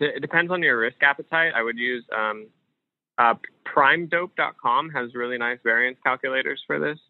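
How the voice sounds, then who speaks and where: A professional poker player, appearing as a guest in a casual interview, speaks in a mid-range voice and thinks aloud, full of fillers, pauses, and restarted sentences. His audio comes over a dry, narrow, phone-like remote call, sounding thin and close.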